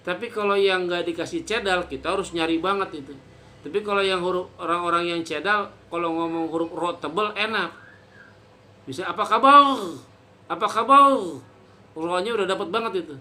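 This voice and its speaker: A man, teaching a Quran reading lesson to children in a casual, joking way and drawing out the example words slowly. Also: high voice, sharp tone.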